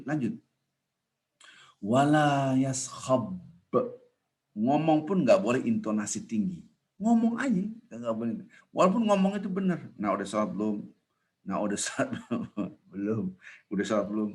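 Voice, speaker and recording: A man preaching a casual, jokey sermon, swinging from loud emphatic rises to soft asides. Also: lowish voice. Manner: animated, with sudden loud rises and soft drops; jokey, conversational teaching.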